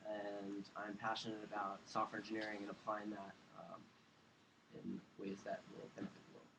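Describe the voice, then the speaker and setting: Low, monotone man introducing himself. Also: normal speed, vocal fry. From New York. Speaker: event attendee. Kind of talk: brief self-introduction. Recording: room mic with background noise.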